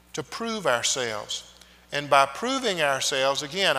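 A pastor leads the congregation in prayer, a man with a bright, forceful tone who speaks very slowly. His measured phrases trail off quietly and ring out in a long cathedral echo. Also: fairly high pitch. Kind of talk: leading liturgy and prayer. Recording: long echoing reverb of a large church.

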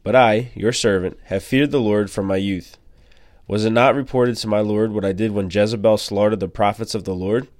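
A man reading the part of a frightened male servant pleading his loyalty, earnest and measured. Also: lowish voice, fairly even intonation, darkish tone, dry recording, studio quality, close to an everyday voice.

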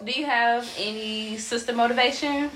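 A woman in her twenties co-hosting a podcast, speaking with a slight lisp from braces in relaxed, laughing chat. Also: a little high, normal speed, slight background noise. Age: 20s. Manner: laid-back, laughs often. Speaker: podcast co-host. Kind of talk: casual chat.

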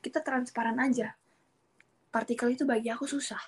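A woman speaking as a guest in a casual chat about learning Japanese, animated and acting out what other people say. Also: fairly high pitch, brisk, husky. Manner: animated, acts out quoted speakers.

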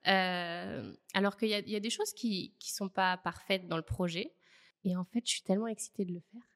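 Casting: woman, podcast host, mid pitch, animated chat, reverberant room. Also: fairly quick. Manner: lively, laughs easily. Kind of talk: casual conversation.

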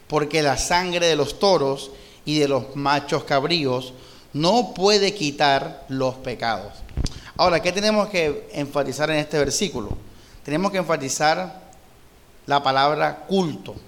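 Colombian man preaching, higher-pitched voice. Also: a bit bright. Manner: poses rhetorical questions and pauses for the answer; reads scripture aloud, then explains it. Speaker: pastor. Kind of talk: expository sermon.

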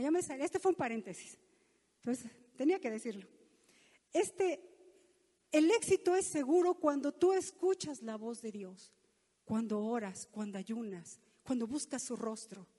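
A woman's voice: high voice, mellow, long reverb tail. A middle-aged woman with a Mexican accent, preaching a sermon with emphatic storytelling and asides to the congregation.

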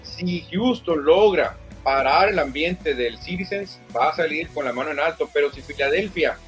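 Man, radio baseball pundit, slightly high voice, chatty and emphatic, faint music under a radio broadcast. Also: expressive, moderate pace. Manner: chatty, emphatic, tags lines with "¿eh?". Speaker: baseball commentator. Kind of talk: casual radio sports talk.

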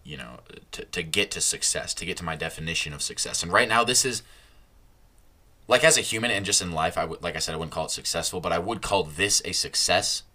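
A man's voice: low-pitched, a little fast, sharp tone. A young man hosting a casual solo podcast, rambling and stopping himself mid-sentence, laughing at his own slips. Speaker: podcast host.

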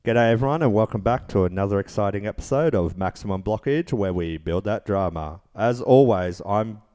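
Low-pitched New man, slangy banter. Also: expressive, brisk, mellow. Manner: slangy, playful. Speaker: podcast co-host. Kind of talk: casual banter reviewing a TV show.

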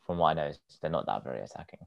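A man's voice: extremely low pitch, expressive, racing, vocal fry. A young British man chatting casually about football as a podcast co-host. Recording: dull lo-fi audio.

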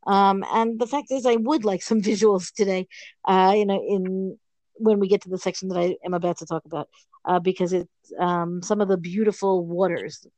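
A woman teaching a page of Talmud in a relaxed, conversational way, thinking aloud and often checking in with "right?". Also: medium pitch, normal speed, no echo. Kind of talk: informal Talmud lesson.

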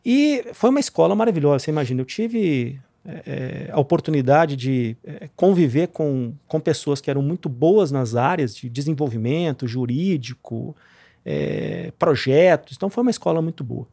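As an interview guest, this real estate marketing executive from Rio Grande do Sul in southern Brazil tells his career story informally, punctuating it with "né, cara" and similar tags. His fairly high voice is animated, gravelly, and warm, at a moderate pace, in a dry recording.

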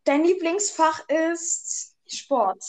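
A woman's voice: very high voice, drawn-out words. A teenage girl co-hosting a casual podcast, heard over a glitchy, robotic-sounding call connection that stretches her words. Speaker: podcast co-host.

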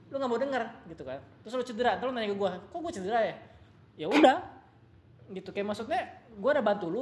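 Fast-talking blunt man coach. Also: high-pitched, reverberant, a little hiss or hum. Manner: blunt, animated, mixes English phrases. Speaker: strength coach. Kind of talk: casual podcast discussion.

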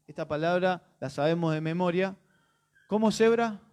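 A male pastor with a Rioplatense Spanish accent preaches a sermon in a loose, conversational style. He fires rhetorical questions at his listeners and keeps things jokey. His voice sits fairly high for a man. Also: normal speed, darkish tone.

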